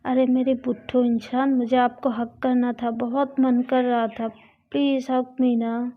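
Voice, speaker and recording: A woman's voice: fairly high pitch, level tone, measured pace, close to an everyday voice. Affectionate young college girlfriend, coaxing, pleading, voiced by a woman, dull lo-fi recording.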